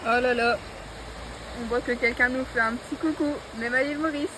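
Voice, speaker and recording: A woman's voice: fairly high pitch, steady tone, brisk, noisy background. A young woman chatting casually and teasingly in a travel vlog, giggling often. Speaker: vlogger.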